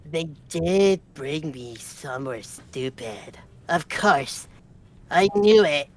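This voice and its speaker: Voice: mid-range voice, expressive, slow. A streamer voicing a nerdy, snobbish, grumpy boy with a lisp and a nasal, snotty tone, whining and complaining. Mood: ranting. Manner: whiny, irritable complaining. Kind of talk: voicing a character in a story game.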